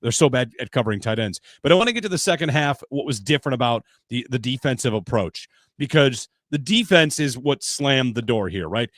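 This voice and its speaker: A man's voice: medium pitch, expressive, brisk, fairly bright tone, dry recording, studio quality. A man hosting a sports podcast, leading a loose, casual discussion and reeling off game statistics. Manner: stat-heavy, loose and chatty, leads the discussion.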